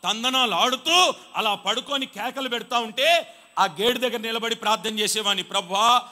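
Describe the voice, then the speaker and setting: A male pastor preaching a Sunday sermon. He tells his story quietly, then builds to shouted calls and urges the congregation to answer him. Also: extremely high pitch, normal speed. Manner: rises from quiet storytelling to shouted exhortation, urging the congregation to respond. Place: church hall. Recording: live sermon with long hall reverb.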